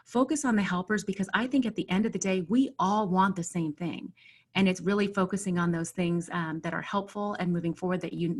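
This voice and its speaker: A woman speaking as a webinar panelist in a thoughtful, measured way, pausing often with ums, over a video call. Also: lowish voice. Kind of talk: earnest discussion.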